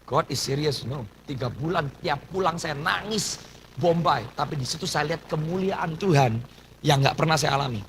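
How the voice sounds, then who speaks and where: A man's voice: fairly high pitch, normal speed, a bit bright, slight background noise, rough recording. A man from Surabaya, a pastor, preaching a personal testimony with a Surabaya Indonesian accent and mixing in English phrases. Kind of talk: sermon testimony.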